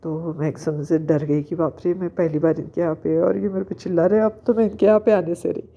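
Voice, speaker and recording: A young woman telling a personal spiritual story, hesitant and pausing often with fillers. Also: on the low side, fairly even intonation, gravelly, warm tone. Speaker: spiritual vlogger. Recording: dull lo-fi recording.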